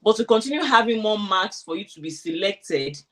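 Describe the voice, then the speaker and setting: Woman, mid-range voice, casual animated storyteller in an interview, slightly distant mic. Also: mid-range voice, moderate pace. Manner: animated, acts out quoted thoughts. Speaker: interviewee sharing her immigration story.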